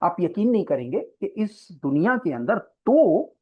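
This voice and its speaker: In a slightly dull lo-fi lecture recording, a coaching teacher explains exam-prep biology step by step in a classroom, frequently checking in with students and mixing English terms into Hindi. The medium-pitched voice has big pitch swings and a slightly slow pace.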